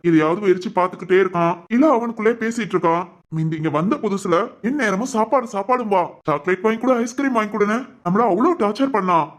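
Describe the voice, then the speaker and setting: A man playing a concerned village husband who speaks in a calm, matter-of-fact way. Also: high-pitched, quick pace, close to an everyday voice.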